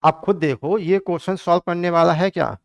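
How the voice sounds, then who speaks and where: A man talks through exam-prep math problems, chatty and joking, calling his viewers kids. His voice sits fairly high and sounds clear and smooth. The recording is dry and close, with no room sound. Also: brisk, no echo. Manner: chatty, addresses students as kids, jokes while teaching. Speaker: math teacher.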